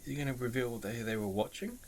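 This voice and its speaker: A gaming video host offers casual let's play commentary on a visual novel, musing aloud and frequently asking questions. His medium-pitched voice is very animated and quick, with slight background noise and game music featuring mallet percussion.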